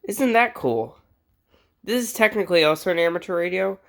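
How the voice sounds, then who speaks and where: A vlogger with an American accent chats casually and unscripted in a bedroom as he shows off a collection, joking, rambling and getting easily sidetracked. His medium-pitched voice is expressive, fairly quick, creaky and a bit bright.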